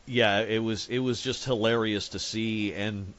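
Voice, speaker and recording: Halting male podcast co-host. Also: fairly low pitch, steady tone, fairly bright tone. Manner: halting, many fillers and restarts. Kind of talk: casual sports chat. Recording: dull lo-fi podcast audio.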